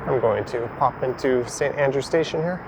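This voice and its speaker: A man's voice: medium pitch, normal speed. A man casually narrating as he walks around, like a vlogger on location. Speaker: walking tour vlogger. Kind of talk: casual narration while walking. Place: city street and subway station. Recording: clear city background noise.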